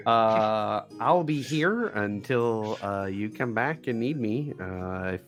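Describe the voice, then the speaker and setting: A man voicing an absent-minded, easygoing gnome wizard who speaks haltingly in a tabletop game. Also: on the low side, animated, faint music behind. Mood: hesitant, obliging. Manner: hesitant, halting.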